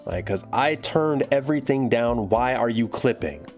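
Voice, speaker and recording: A man in his thirties, medium-pitched with a darkish tone and lively intonation, chats casually at a moderate pace during a music-making livestream. Faint music sits behind him as he rambles and thinks aloud while working.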